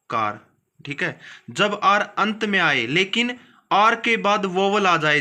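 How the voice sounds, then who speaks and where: A man teaching a steno class, explaining rules step by step and repeating words slowly. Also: fairly high pitch, pushed and bright.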